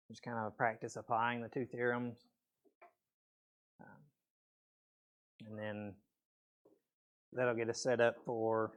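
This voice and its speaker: A man's voice: mid-range voice, smooth. A man teaching a math class, explaining step by step in a casual way with frequent okays, his voice a bit weak and a peppermint in his mouth. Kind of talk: classroom lecture.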